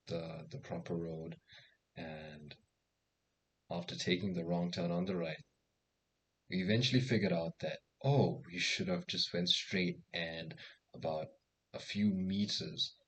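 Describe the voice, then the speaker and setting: A young man telling a casual anecdote, animated, acting out the voices of the people in it and swearing freely. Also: deep voice, a little hiss or hum. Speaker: storyteller.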